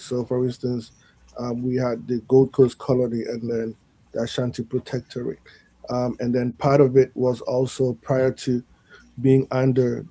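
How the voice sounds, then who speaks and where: A man from Ghana, a professor answering interview questions in a measured way with many pauses and ums. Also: medium pitch, dark tone, rough recording. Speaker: guest professor.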